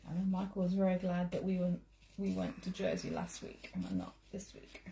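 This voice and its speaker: A woman's voice: on the low side, little pitch movement, normal speed, creaky, warm tone. A woman hosting a quilting livestream, chatting casually while she sews and greeting viewers. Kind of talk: casual chat while sewing. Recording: noisy home livestream audio.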